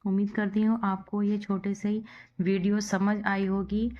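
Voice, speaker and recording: A woman's voice: mid-range voice, level tone, normal speed, muffled recording. A woman teaching Urdu, spelling words out letter by letter and repeating each one. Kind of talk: slow spelling-out lesson.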